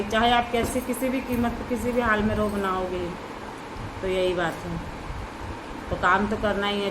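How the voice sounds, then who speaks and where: A woman's voice: mid-range voice, noisy background. A woman talking casually in a home vlog, chatty and down-to-earth, saying she feels unwell and dizzy. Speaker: vlogger. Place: indoor room at home.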